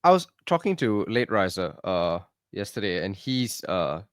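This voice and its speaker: A man's voice: low voice, very animated, measured pace, clear, resonant tone, no room sound, studio quality. A man hosting a podcast in casual chat, upbeat and teasing, keeping things moving. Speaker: podcast host.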